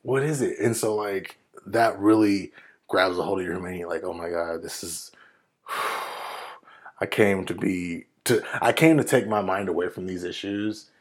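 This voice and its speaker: A man from the United States in a casual movie discussion, talking in an animated way and acting out reactions. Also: sits low, normal speed, husky. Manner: animated, acts out reactions in quoted voices.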